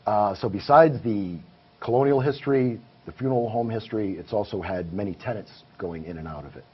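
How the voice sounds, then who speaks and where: On a muffled recording with faint hiss, a man with a lowish voice speaks briskly. He is a paranormal investigator in a casual interview, earnestly going through his findings in detail.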